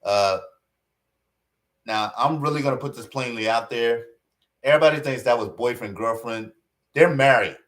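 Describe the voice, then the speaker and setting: A man's voice: medium pitch, normal speed, pauses often, fairly bright tone. A man giving casual online commentary, rambling, with many fillers and restarts.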